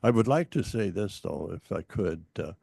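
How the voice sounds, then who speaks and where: An older man speaks at a public hearing in a very low, gravelly voice with a dark tone. He halts often, filling gaps with fillers and restarting phrases. The sound is dry and close. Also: lively intonation, dry recording. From Montana. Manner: halting, many fillers and restarts. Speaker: public commenter at a utility hearing. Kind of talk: formal public testimony.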